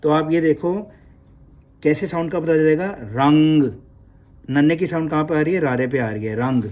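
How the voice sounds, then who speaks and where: A man's voice: fairly high pitch, darkish tone. A man teaching Gurmukhi script. He explains patiently and draws out each letter sound, addressing the class respectfully. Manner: slow, patient, drawn-out letter sounds, calls listeners sangat ji. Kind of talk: slow classroom explanation with prayer.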